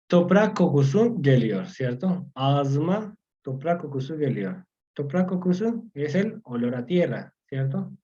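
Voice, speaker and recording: A man's voice: medium pitch, dark tone, muffled recording. A man tutoring a class online, patiently explaining, repeating key words and often checking that students follow. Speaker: language teacher.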